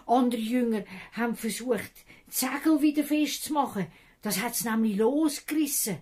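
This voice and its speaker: A woman with a Swiss German accent telling a Bible story to children in an expressive storytelling manner. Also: on the high side, moderate pace, breathy edge.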